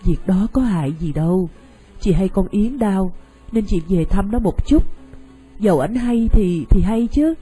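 A coaxing, persuasive woman friend in a radio play, played by an actress. Her voice is mellow and a little breathy, and she talks in a reassuring, practical way. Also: mid-range voice, expressive, unhurried, faint music behind, low-quality recording. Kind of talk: radio drama acting.

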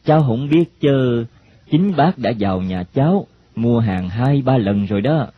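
A man voicing a calm, friendly middle-aged stranger, speaking slowly and hesitantly. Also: mid-range voice, husky. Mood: confiding. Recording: dull lo-fi recording, faint hiss.

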